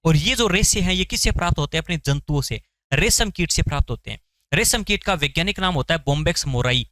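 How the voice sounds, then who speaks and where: Man, science teacher, exam-prep lecture, bright tense voice, dry close sound. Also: fairly high pitch, animated, brisk, no room sound. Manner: asks questions then answers them; repeats key terms for memorizing.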